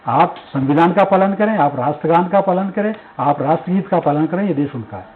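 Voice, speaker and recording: A man's voice: on the high side, brisk. A man arguing as a panelist in a televised debate, emphatic and full of rhetorical questions. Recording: tinny phone-line audio.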